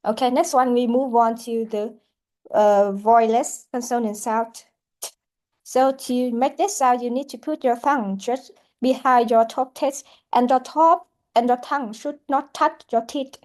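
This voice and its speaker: A woman teaching a pronunciation lesson, speaking haltingly with many fillers and repeated words. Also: fairly high pitch, fairly even intonation, a little mellow. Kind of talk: classroom lesson explanation.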